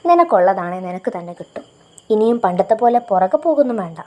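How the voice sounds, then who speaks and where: A woman reading a story aloud, voicing a playful young female friend who talks in a lowered, teasing voice. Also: very animated, fast, muffled recording, natural voice.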